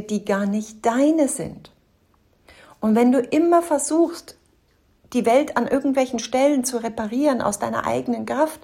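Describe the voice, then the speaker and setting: A woman coach talking straight to the listener, giving advice in an emphatic way and often dropping into breathy half-whispers. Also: on the high side, darkish tone. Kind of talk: direct advice talk to the listener.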